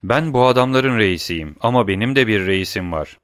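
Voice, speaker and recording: A man voicing a calm, curt bandit chief in an audiobook. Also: on the low side, no room sound, clean studio sound. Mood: cool. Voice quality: cool, unhurried, curt.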